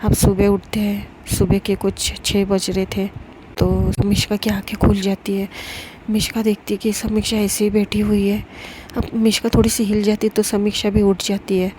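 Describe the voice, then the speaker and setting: Brief: woman storyteller, casual narration, monotone delivery, noisy take with clicks. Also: medium pitch, moderate pace. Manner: plain, conversational retelling. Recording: noisy home recording with clicks.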